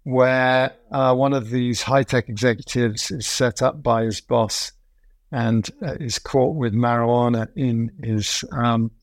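A man hosts a casual podcast interview in a mid-range voice with a steady tone and measured pace. He's chatty and digressive, using fillers and restarts, on a dry recording.

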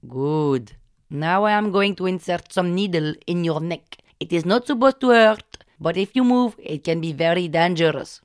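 A woman voicing a calm, insistent male acupuncture healer who speaks slowly and solemnly, repeating his warnings. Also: on the low side, dry recording, clean studio sound, close to an everyday voice.

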